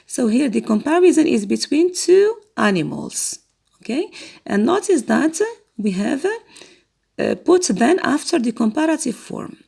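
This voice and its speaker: Female teacher for a grammar lesson, slow and patient, lively pitch, a bit gravelly. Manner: slow, patient, repeats words for students to copy. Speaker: English teacher.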